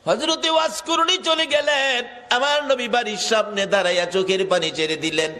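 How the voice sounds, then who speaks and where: A man preaching an impassioned sermon, swinging between shouted cries and sing-song chanting. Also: extremely high pitch, moderate pace, big-room sound. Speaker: Islamic preacher.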